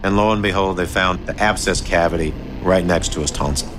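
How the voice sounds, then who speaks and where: A man, a doctor, explaining a case calmly in an interview. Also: sits low, brisk, over music. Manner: calm, explanatory.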